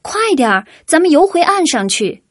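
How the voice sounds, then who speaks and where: A woman voicing a cheerful, excitable man who travels the world, calling out his lines loudly and eagerly in a children's storybook reading. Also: high-pitched, moderate pace, no room sound, studio quality, pitched above the performer's own voice. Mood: excited. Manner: loud eager exclamations.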